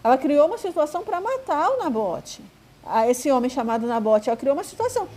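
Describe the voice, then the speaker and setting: A Brazilian woman teaching from the Bible in a conversational, informal sermon, pausing with fillers and sometimes acting out voices. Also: sits high, very animated, dark tone. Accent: Brazilian Portuguese. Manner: conversational, hesitant with fillers, acts out quoted voices.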